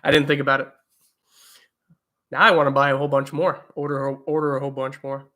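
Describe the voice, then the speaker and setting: A man's voice: mid-range voice, flat delivery, fast talker, sharp tone. A young man hosting a casual livestream, reading viewer comments and rambling with lots of fillers and restarts from home. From eastern United States. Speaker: livestream host. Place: home, indoors.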